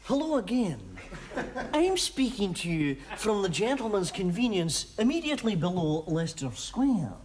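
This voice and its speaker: An actor playing a stiff, mock-formal TV street reporter with an odd put-on accent, interviewing a guest. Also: male voice, high voice, very animated, normal speed, a little mellow. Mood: mock-earnest. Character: pompous male TV street reporter.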